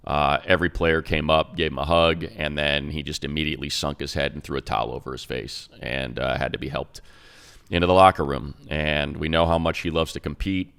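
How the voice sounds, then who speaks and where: An American radio play-by-play announcer co-hosting a sports talk show breaks down team news conversationally, thinking aloud and restarting sentences. His voice is rumbling and low with vocal fry, a bit bright, clear and resonant.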